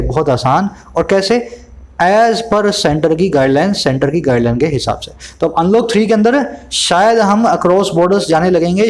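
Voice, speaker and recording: A man with a high voice teaching English from the newspaper. He has an Indian accent. He reads the English sentences slowly, then explains the vocabulary with lists of synonyms and quick questions to the learner. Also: darkish tone. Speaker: English tutor.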